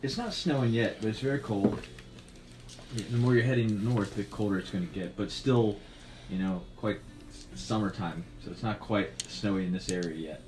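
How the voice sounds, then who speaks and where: A man narrating a tabletop game as game master, calm and descriptive. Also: fairly low pitch, normal speed, rough recording. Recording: music playing behind.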